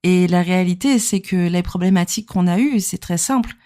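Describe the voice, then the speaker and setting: Here a therapist and podcast host from Normandy speaks in a fairly low, mellow voice at a brisk clip. Her informal, explanatory chat is directed at the listener and punctuated with rhetorical questions.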